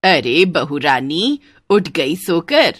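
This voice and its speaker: Woman plays a bossy cartoon mother-in-law, lower voice, drawn-out scolding lines, dry. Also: big pitch swings, a bit bright, husky, dry recording, full character voice. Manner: nagging, slow and commanding. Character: stern scolding middle-aged mother-in-law. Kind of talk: cartoon story voice acting.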